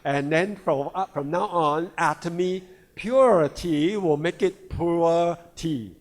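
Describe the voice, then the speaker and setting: Slow, emphatic male product presenter, slightly high voice, keeps checking in with the room, long hall reverb. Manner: emphatic, with frequent checking "all right?" and "right?" asides; repeats and rephrases key words. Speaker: sales leader presenting products. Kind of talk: product seminar talk to a live audience.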